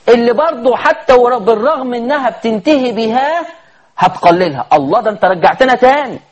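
Egyptian man, high voice, tajweed teacher who quizzes his students with rhetorical questions and chants verses slowly. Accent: Egyptian Arabic. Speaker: Quran recitation teacher. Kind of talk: tajweed lesson.

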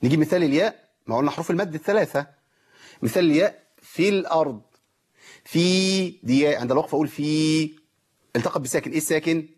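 A rapid-fire Egyptian teacher walks learners through the rules of Quran recitation. His voice is husky and sits a little high, and he keeps asking questions of his listeners before answering them himself. Now and then he slows down to model the correct pronunciation. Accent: Egyptian Arabic. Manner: explains with rhetorical questions, demonstrates recitation. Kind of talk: tajweed lesson.

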